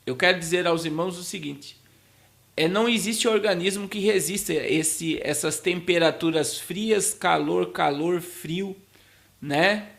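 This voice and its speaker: Gravelly, higher-voiced Brazilian man. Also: unhurried, fairly bright tone. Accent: Brazilian Portuguese. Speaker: pastor hosting a talk show. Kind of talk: informal commentary addressed to viewers.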